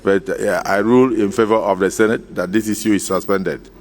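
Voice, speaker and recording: Nigerian male presiding officer, lowish voice, deliberate procedural chairing, faint background noise. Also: steady tone. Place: legislative chamber.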